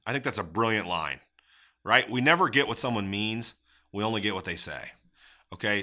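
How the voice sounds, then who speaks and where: A middle-aged man hosting a podcast, giving casual motivational sales advice and acting out sample lines in different tones. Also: lowish voice. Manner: animated, acts out sample lines with shifting tone. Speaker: podcast host.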